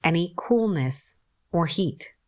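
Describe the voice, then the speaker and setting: A woman leads a guided meditation in an unhurried, soothing way, leaving long pauses between phrases. Her voice sits a little low, yet it rises and falls in a lively, melodic line. Each instruction comes out gentle and calm. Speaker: forest bathing guide.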